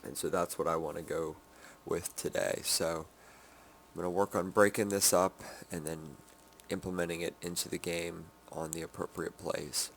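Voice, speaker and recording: A sleepy man giving a casual game development update, halting with many ums and restarts. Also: deep voice, fairly even intonation, vocal fry, fairly bright tone, slight background noise. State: sleepy, yawning.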